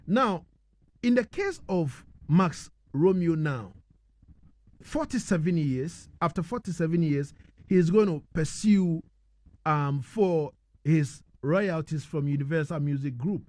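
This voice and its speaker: A man's voice: fairly high pitch, lively intonation, slow pace, darkish tone, no echo. A male radio host on a remote call whose voice keeps cutting out, speaking in exclamations and repeating his words. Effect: choppy remote connection, voice cutting out. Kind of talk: interviewing a guest over a remote line. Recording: connection cutting in and out, sometimes distant.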